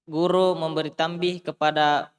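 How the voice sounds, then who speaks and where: Male student reader, level monotone recitation, clear voice. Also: a little high, moderate pace, in a large hall. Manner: reads text out in a steady recitation. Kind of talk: reading aloud and translating.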